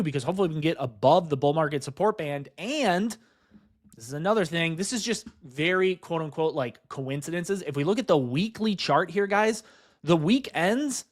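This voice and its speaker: A man with a slightly high voice talks through crypto price charts in a rush of excitement. He keeps addressing his viewers as "guys" and tosses in "right?" between points, his energy bubbling over as he goes. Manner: excitable, fast-talking, says "guys" and "right?" a lot. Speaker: crypto investing YouTuber.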